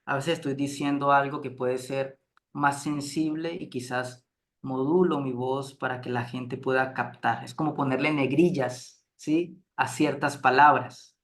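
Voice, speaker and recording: Unhurried man teaching a class. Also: medium pitch, fairly even intonation, a bit bright. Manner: unhurried, checks in with frequent "¿sí?". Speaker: group facilitation instructor. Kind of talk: relaxed lecture to a class.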